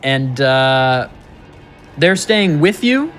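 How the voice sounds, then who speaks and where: A man's voice: medium pitch, big pitch swings, drawn-out words, a bit bright. A man commentating as host on a gaming stream, trading casual, dryly teasing banter. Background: game music and sound effects.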